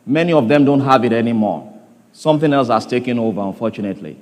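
A middle-aged male pastor preaching a sermon at a convention, telling stories and swinging between loud and soft delivery. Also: mid-range voice, quick pace. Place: convention hall. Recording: long hall reverb.

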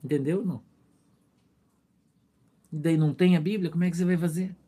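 A man's voice: a little high, a little fast, dark tone, slightly rough. A male pastor preaching a sermon, acting out little scenes, asking rhetorical questions and greeting members of the congregation by name. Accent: Brazilian Portuguese.

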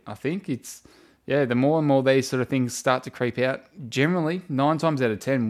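A man's voice: mid-range voice, a little mellow. An Australian man co-hosting a casual football podcast from a wooden shed, talking in a thoughtful, hesitant way. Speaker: sports podcast co-host. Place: in a wooden shed in the countryside, poorly soundproofed.

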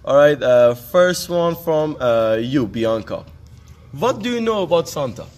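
A man's voice: on the high side, very animated, measured pace, a little mellow. A young man hosting a casual podcast interview, hesitant and full of filler sounds and restarts. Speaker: podcast host interviewing teens.

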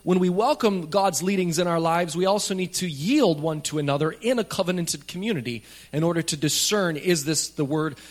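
Man, pastor, preaching a sermon, pulpit microphone, church, conversational, light humor, slightly high voice. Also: brisk, few pauses. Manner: plain, conversational preaching with light jokes to the congregation. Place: church sanctuary.

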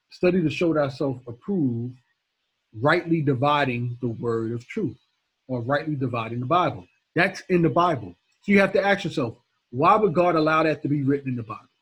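A man with a very husky, rough-edged voice gives an informal Bible lesson. He talks straight to his listeners and drives each point home by saying it again and again. His pitch sits in an ordinary middle range. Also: rough recording. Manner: repetitive, emphatic, talks directly to listeners. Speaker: Bible teacher.

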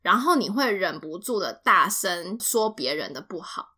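A woman's voice: fairly low pitch, expressive, moderate pace, pushed and bright. A young woman, co-hosting a casual podcast chat, playfully posing dilemmas with vivid examples. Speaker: podcast co-host.

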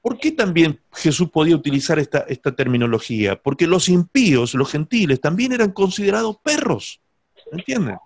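A male preacher delivers a sermon with lively energy. His voice sits a little high for a man. He keeps pausing to check that his congregation is following. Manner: asks the congregation "¿sí?" to check they follow, animated.

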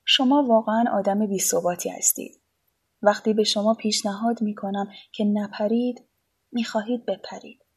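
A calm, needling artist in an audiobook, unbothered and faintly amused, as a woman reading aloud gives him voice. The tone stays husky and slightly breathy, pitched at an ordinary middle height. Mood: provoking. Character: aloof, mocking male artist on a cliff.

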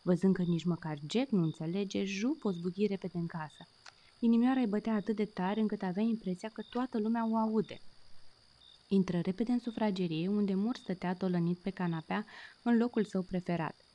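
A woman reading a bedtime story aloud in a soft, gentle way. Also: mid-range voice.

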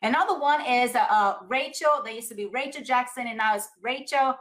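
Motivational coach, female, Latin American accent, somewhat high voice, emphatic and repetitive, often asking the listener questions. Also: a little fast, a bit bright. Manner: emphatic, repeats phrases, rhetorical questions. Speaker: network marketing coach. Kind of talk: motivational coaching talk to camera.

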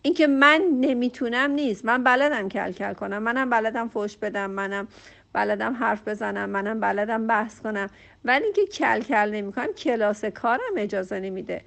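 Gravelly-voiced woman giving direct advice. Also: on the high side, fairly bright tone. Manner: emphatic and direct, repeats points, addresses the listener. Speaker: counselor answering a listener's question. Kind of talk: advice monologue to a group.

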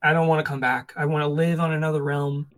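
Woman, podcast co-host, casual joking chat, low voice, swears freely. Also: little pitch movement, fast. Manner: playful, swearing, rants.

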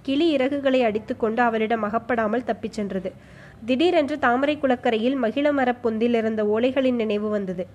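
A woman narrates a historical novel with dramatic, emotive delivery. Her voice sits a little high. The reading is steady and expressive. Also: normal speed, muffled recording. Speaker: audiobook narrator.

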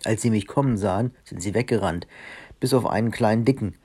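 A man reading aloud and voicing a big, clumsy male robber who is gruff but soft-hearted. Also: on the low side, a little fast. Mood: grumbling. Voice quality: gruff, grumbling.

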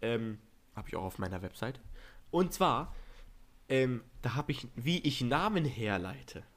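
A man's voice: mid-range voice, big pitch swings, measured pace, a bit bright. A young man co-hosting a casual podcast, talking in a playful, rambling way full of jokey asides. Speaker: podcast co-host. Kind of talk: casual chat.

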